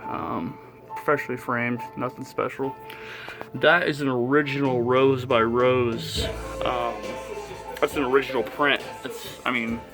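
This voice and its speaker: A medium-pitched man in his thirties gives a casual video tour of his own collection inside his house. New braces give him a lisp with a whistling s, and he speaks haltingly, pausing mid-sentence.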